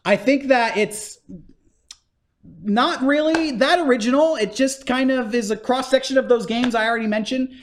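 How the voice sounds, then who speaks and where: A man in casual podcast chat giving a game review, animated and swearing freely. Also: very high voice, moderate pace, a little hiss or hum. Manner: animated, swearing, acts out scenes in mock voices.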